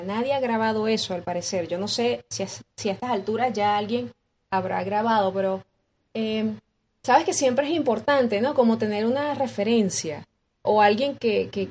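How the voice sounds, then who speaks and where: A Venezuelan woman with a Venezuelan accent, a guest musician recounting her story in an interview with lively acted-out dialogue and frequent restarts. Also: on the high side, dull audio, a little hiss or hum. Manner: expressive, acts out quoted dialogue with many restarts.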